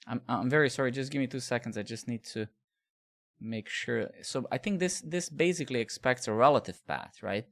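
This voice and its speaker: Speaking a little fast at medium pitch, a middle-aged man from Serbia codes live while chatting with viewers. He rambles and swears in an offhand way as he works.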